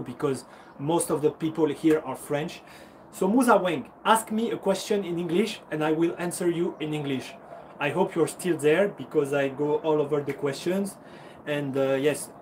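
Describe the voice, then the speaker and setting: A man's voice: a little high, darkish tone, a little hiss or hum. A man in his thirties, a karate fighter and coach hosting a casual live Q&A from home, upbeat and encouraging, chatty with slang, acting out punches and footwork with little sounds. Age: 30s.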